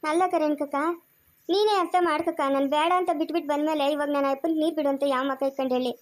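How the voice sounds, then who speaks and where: A woman's voice: sits high, steady tone, racing, close to an everyday voice. An actress with a rural Chikkaballapur Kannada accent playing a bitter, defiant young mother who fires off accusing questions in an amateur family drama. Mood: refusing.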